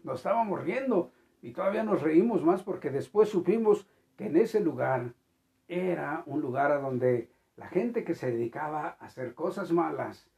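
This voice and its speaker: A preacher delivers a sermon in a dark, gravelly voice. The pitch leaps and falls with great animation, swinging between loud emphatic bursts and quiet asides. Phrases are often repeated and restarted. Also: animated, moderate pace.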